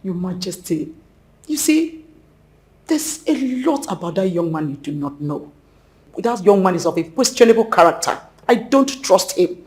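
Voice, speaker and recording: A woman's voice: on the low side, big pitch swings, normal speed, darkish tone. An actress with a Nigerian accent playing a controlling queen in a film drama. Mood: pleading. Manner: firm, controlling. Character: scheming queen, firm middle-aged woman.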